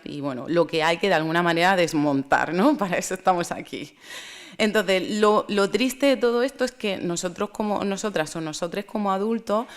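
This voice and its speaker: A woman speaking at a conference, lecturing in a measured, thoughtful way with pauses and restarts. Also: fairly low pitch, smooth.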